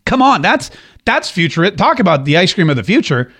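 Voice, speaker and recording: A man's voice: high-pitched, very animated, fairly quick, a bit bright, slightly rough. A man from Florida delivering a sarcastic, joking political commentary monologue. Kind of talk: casual opinion monologue.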